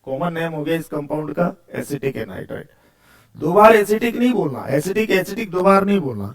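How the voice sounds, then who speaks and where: A man's voice: fairly high pitch, lively intonation, fairly quick. Male chemistry teacher. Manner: asks questions then answers them, repeats key words. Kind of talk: video lecture.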